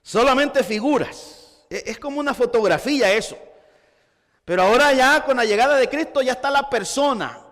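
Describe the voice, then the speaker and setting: A man's voice: extremely high pitch, normal speed, fairly bright tone, big-room sound. A man preaching a sermon as pastor, with rising emphasis and frequent repeated starts. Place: church hall.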